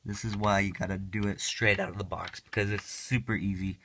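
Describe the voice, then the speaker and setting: Bright-voiced excitable man unboxing gear. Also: on the low side, fairly quick, slight background noise. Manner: excitable, chatty, self-mocking. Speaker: gaming YouTuber. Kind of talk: casual unboxing and setup tutorial.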